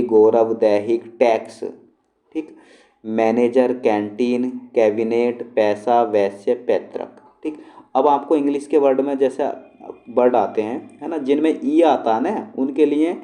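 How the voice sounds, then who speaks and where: Dark-voiced man teaching spelling. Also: mid-range voice. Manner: explains patiently, with frequent check-ins to the class. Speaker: shorthand and typing teacher. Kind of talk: spelling lesson walkthrough.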